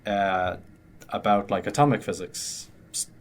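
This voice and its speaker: This graduate student from Ireland, a man in his twenties, speaks in a lowish, unhurried voice while guesting on an interview. His casual talk wanders, full of fillers and false starts.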